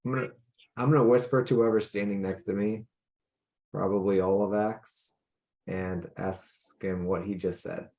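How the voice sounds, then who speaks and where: A man's voice: lowish voice, fairly even intonation, normal speed, darkish tone, rough recording. Casual man playing a tabletop game. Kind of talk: casual improvised game chat.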